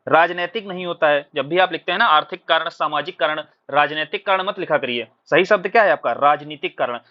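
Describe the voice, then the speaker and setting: A man's voice: a little high, fast talker. A man teaching a recorded exam-prep lesson, explaining patiently and asking questions before answering them himself. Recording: dull lo-fi recording.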